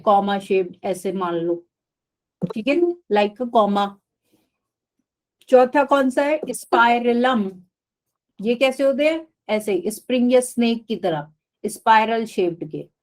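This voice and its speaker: A woman's voice: a little high, lively intonation, a little slow, a little mellow. Hindi-speaking woman teaching biology online. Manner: repetitive, checks in with students often. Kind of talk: live online class.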